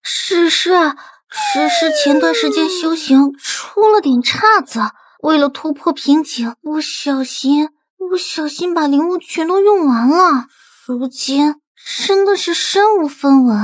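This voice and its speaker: A woman voicing a flirtatious nine-tailed fox spirit in an animated comic, pleading and stammering. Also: high voice, no echo.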